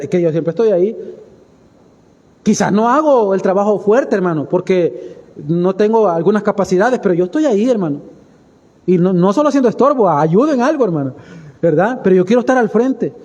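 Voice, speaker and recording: A Salvadoran pastor preaches in a high, ringing voice, talking to his congregation like a neighbor and firing off rhetorical questions. His sermon carries a long reverb from the church hall around him. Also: a little mellow. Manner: conversational preaching, keeps addressing listeners as brother, rhetorical questions. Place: church sanctuary.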